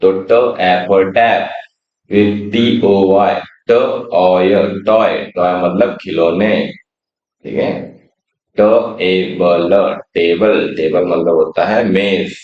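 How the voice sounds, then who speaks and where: A man's voice: low-pitched, steady tone. A man teaching children phonics, patiently spelling words out letter by letter and explaining each one. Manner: spells words out slowly letter by letter, then gives the Hindi meaning; patient, checks in often with "theek hai". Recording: roomy, slightly dull sound.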